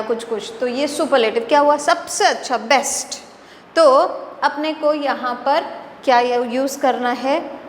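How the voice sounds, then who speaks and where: A woman teacher with an Indian accent explains a grammar lesson slowly, repeating words and asking rhetorical questions to her class. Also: high voice, slight background noise. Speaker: English teacher. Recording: echoey hall, mic at a distance.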